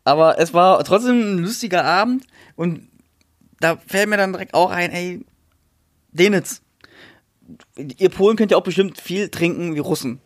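A young man with a notably high voice rambles through an anecdote in casual slang, stumbling over his words and restarting. The recording is dry and close, with no room sound. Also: normal speed, pauses often, dry recording. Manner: rambling, animated storytelling with slang and many restarts. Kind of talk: casual chat.

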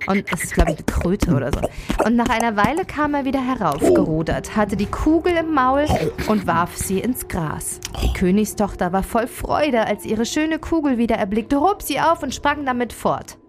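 A woman's voice: a little high, expressive, moderate pace. Chatty woman reading a fairy tale. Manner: joking, chatty asides while narrating. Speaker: podcast co-host and storyteller.

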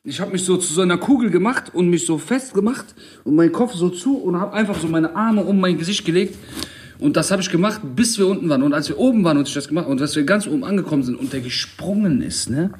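A man in his thirties, co-hosting a casual chat and telling stories in a slangy, animated way. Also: sits high, fast. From Germany. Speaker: podcast co-host.

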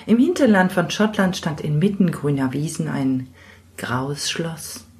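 Woman, storyteller, fairy tale reading, low voice, slow, soft, half-whispered. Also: animated.

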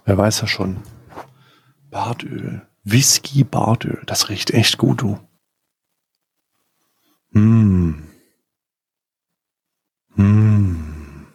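A man hosting a casual chat, excitable and scatterbrained as he unboxes an advent calendar, laughing often. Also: on the low side, extremely slow, pauses often, husky. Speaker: podcast host.

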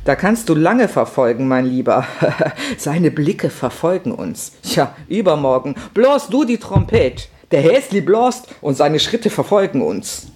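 A man reading aloud and voicing a brash old woman who loudly mocks her absent husband. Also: fairly high pitch, animated, measured pace. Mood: mocking. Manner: mocking, loud, scoffing.

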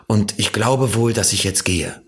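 A man voicing a small, curious boy prince who speaks in an earnest, gentle, wondering way in an audiobook reading. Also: fairly low pitch, measured pace, voice pushed up, lightly acted.

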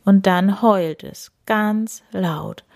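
A woman reading a children's story aloud in a gentle, expressive manner. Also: mid-range voice, very slow.

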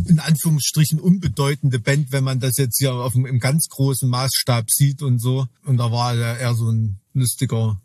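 Husky man, dry close sound, rambling podcast co-host full of restarts. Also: medium pitch, mellow, no echo. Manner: rambling, many restarts, tag questions. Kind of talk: casual chat.

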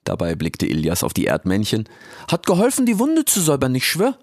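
A man's voice: medium pitch, wildly swooping pitch, fairly quick, no room sound, clean studio sound, voice pushed up. A man voicing a brash, cheerful young male animal who talks in street slang, in an audiobook. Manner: slangy, tags lines with "ja?" and "ich schwör". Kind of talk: audiobook character voice.

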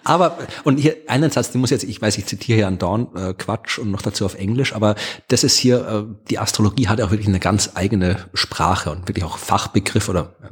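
A man's voice: on the low side, a little fast, few pauses, husky. A man with an Austrian accent co-hosting a podcast in casual chat, sarcastic and chatty, laughing often. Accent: Austrian German. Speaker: podcast co-host.

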